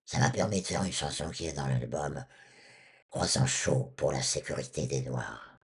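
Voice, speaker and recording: A man with a honking, duck-like, husky voice from vocal cord surgery, telling anecdotes as an interview guest. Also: very deep voice, moderate pace. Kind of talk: storytelling in an interview.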